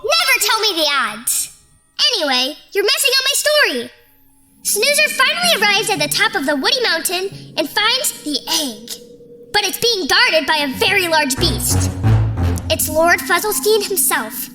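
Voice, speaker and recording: A woman voicing a small, childlike, imaginative cartoon creature who talks in an animated, playful, dramatic way. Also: extremely high pitch, a little slow, over music, exaggerated voice. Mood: indignant. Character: small limbless excitable imaginative kid creature, storyteller.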